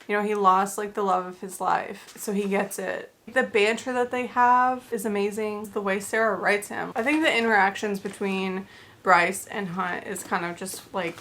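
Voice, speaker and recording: A woman's voice: mid-range voice, a bit bright. Chatty, rambling woman reviewing a book. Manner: fast with filler words like "like". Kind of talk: casual book review chat.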